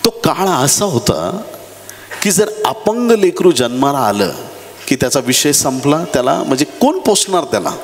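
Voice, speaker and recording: A man preaching a dramatic sermon in a church, dropping to low murmurs and rising to high shouted appeals. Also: big pitch swings, moderate pace. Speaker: pastor. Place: church hall. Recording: echoey hall with faint background noise.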